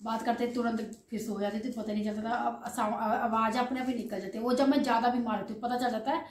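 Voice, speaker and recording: Brief: unwell housewife vlogger, slightly hoarse, higher pitch, chatty, echoey kitchen. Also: female voice, fairly even intonation, fast, a little mellow. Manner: chatty, rambling, talks to her kids. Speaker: vlogger and mother. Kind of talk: casual home vlog. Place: home kitchen. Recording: echoey room.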